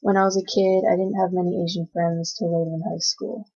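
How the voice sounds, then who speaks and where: A young adult woman from the United States, whose first language was Cantonese, gives a class oral presentation, reading from notes and hesitating often. Her voice is fairly low and quick, with little pitch movement, a darkish tone and a breathy edge. The recording is dull and lo-fi.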